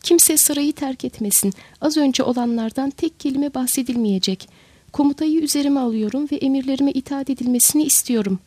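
A woman's voice: high voice, a little fast, dark tone, no echo, lightly acted. A woman reading as a stern palace commander. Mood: commanding. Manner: formal, then crisp commands.

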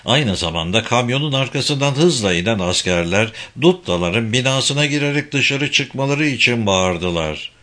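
A man giving a steady, measured audiobook narration of a novel. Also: medium pitch. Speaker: audiobook reader. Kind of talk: scripted narration.

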